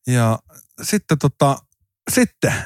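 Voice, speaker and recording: Excitable man telling fan stories. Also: medium pitch, dry recording, studio quality. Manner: animated, swears, mimics others in anecdotes. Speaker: podcast co-host. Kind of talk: casual storytelling chat.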